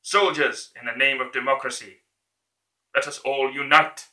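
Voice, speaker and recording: A man's voice: mid-range voice, fairly even intonation, normal speed, sharp tone. A man playing an earnest, humble orator in a theatrical dictator speech, declaimed with emphatic repetition and fervent appeal. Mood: fervent, rousing. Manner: declamatory, emphatic repeated phrases, building to fervent exhortation. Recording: echoey room.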